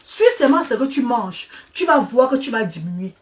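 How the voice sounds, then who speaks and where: A woman's voice: a little high, lively intonation, a little fast. A woman hosting a casual live stream with diet advice, coaxing her viewers with endearments and slipping into English. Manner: switches between French and English. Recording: voice a bit far from the mic.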